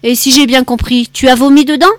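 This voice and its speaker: A woman voicing an exasperated middle-aged man who scolds his brother in sharp, mocking outbursts, read from a novel. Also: high voice, lively intonation, a little fast, no room sound, pitched above the performer's own voice.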